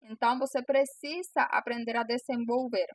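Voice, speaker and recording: A woman's voice: on the high side, steady tone, normal speed, no room sound. A young woman from Venezuela with a Venezuelan Spanish accent, a native Spanish speaker giving earnest, encouraging coaching to camera. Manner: earnest, encouraging, repeats phrases. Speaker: bow-maker coaching sellers. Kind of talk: direct-to-camera coaching talk.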